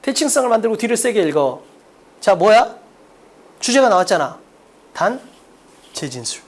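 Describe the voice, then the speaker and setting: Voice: medium pitch, big pitch swings, normal speed. An English exam-prep teacher explaining a mock test in a lecture, firing rhetorical questions at students and drilling points with emphasis. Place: lecture room at a board.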